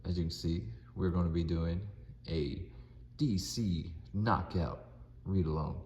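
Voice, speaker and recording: A comic book channel host talks casually and reads a comic aloud with dramatic narration, his voice deep, a little slow and darkish over dull audio. He's in an indoor room that echoes, with background noise audible.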